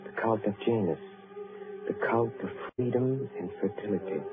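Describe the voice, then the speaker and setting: An actor playing a suave, sinister count who tells dark tales of his accursed family, in 1940s radio acting style. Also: normal speed, music in the background, natural voice. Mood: ominous. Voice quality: deep and theatrical, with sly chuckles. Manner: suave storytelling turning darkly ominous. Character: sinister aristocratic count, old accursed family, menacing host. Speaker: count, lord of a chateau. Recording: tinny old radio broadcast.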